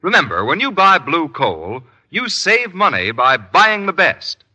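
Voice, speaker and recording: Bright, animated old radio announcer man. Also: fairly high pitch, unhurried. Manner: emphatic, formal old radio announcer delivery. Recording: old radio broadcast with faint music.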